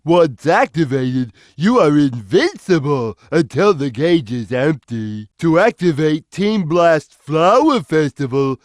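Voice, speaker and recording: A man voicing a big, gentle, simple-minded cartoon cat who explains things slowly and plainly, as a video game character. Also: fairly high pitch, no echo, clean studio sound. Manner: slow, simple, deliberate instructional delivery. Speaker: video game character giving tutorial hints. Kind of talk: scripted game tutorial voice lines.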